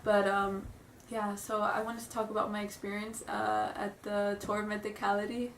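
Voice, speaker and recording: A young woman with a stuffy, cold-affected voice chats nervously in a casual vlog at home, rambling, apologizing and giggling. She speaks at normal speed in a medium, gravelly voice with a level tone. The recording is roomy and distant, with slight background noise.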